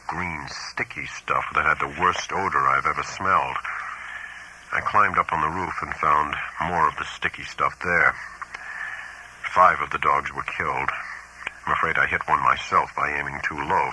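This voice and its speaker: A man reading the letters of a frightened older farmer in a horror audiobook, halting and haunted. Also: a bass voice, sharp tone, slightly rough, exaggerated voice, rough recording.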